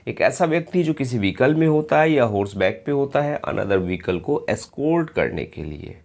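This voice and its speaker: A man's voice: mid-range voice, lively intonation, darkish tone. A man with an Indian accent teaching an exam-prep English lesson, patiently spelling out words letter by letter and checking that his students follow along. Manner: slow and patient, often checks in with "clear friends?".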